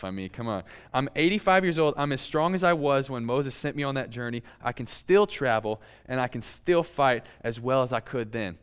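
A man preaching a sermon in a relaxed, conversational way, with playful asides to his congregation. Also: medium pitch, smooth. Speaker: pastor.

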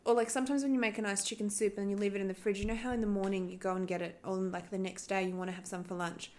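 A woman's voice: medium pitch, flat delivery, rapid-fire, a little mellow. A woman co-hosting a casual chat, talking freely and filling her sentences with "like". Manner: chatty, fills talk with "like". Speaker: co-host.

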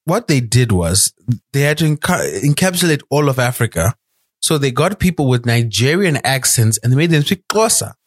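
A man's voice: mid-range voice, sing-song, moderate pace, breathy edge, dry recording, clean studio sound. A man from Zimbabwe co-hosting a casual chat, playful and teasing with jokey asides. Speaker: podcast co-host.

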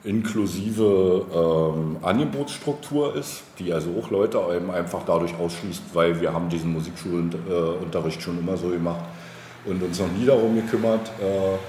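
This low-voiced man, speaking at normal speed with a darkish tone, takes the role of a local politician being interviewed in conversation. His explanations run long, meandering and hesitant. Faint background noise and a roomy echo color the recording.

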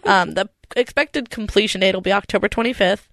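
A woman's voice: medium pitch, fairly quick, dry recording. Joking, foul-mouthed woman co-host. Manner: profane, joking, animated. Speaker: podcast co-host. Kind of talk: casual chat.

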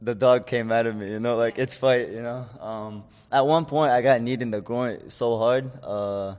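A man's voice: medium pitch, fairly even intonation, normal speed, darkish tone, big-room sound. A man in his twenties from Chechnya, a fighter talking casually in an interview, rambling with many fillers and restarts. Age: 20s. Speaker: guest, amateur fighter.

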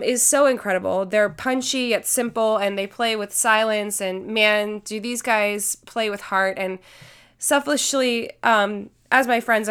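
A young woman with a mid-range, fairly bright and clean voice hosts a podcast, opening with an intro before moving into an interview. She's upbeat and chatty, sprinkles in plenty of "um"s, and sounds congested from the flu.

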